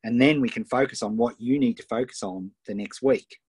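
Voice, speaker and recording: An enthusiastic Australian man, the host and coach, runs a live online coaching session over a video call and fires off quick questions. His mid-range voice is husky with a darkish tone, and the recording has no echo.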